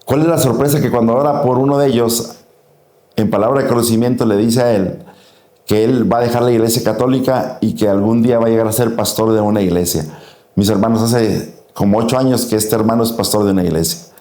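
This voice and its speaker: A man's voice: medium pitch, fairly even intonation, brisk, warm tone, roomy sound. A middle-aged Mexican man with a Mexican Spanish accent, giving an earnest personal faith testimony and acting out the dialogue as he tells it.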